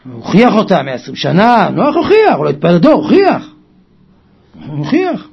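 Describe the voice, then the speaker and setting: A man preaching a Torah sermon with passion, swinging from quiet talk to loud cries. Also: high voice, very animated, vocal fry, husky. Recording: dull lo-fi recording.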